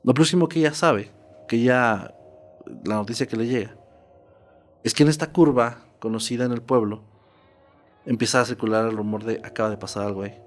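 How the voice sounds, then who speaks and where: Male storyteller, mid-pitch, relaxed horror narration over faint music. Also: moderate pace, long pauses. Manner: conversational, checks in with "¿no?". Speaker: podcast storyteller.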